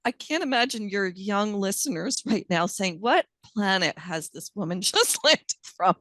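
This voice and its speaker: A woman's voice: mid-range voice, expressive, measured pace, a bit bright, no echo. A woman in her fifties, a nurse and guest, reminiscing thoughtfully in a casual interview and thinking aloud as she goes. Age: 50s.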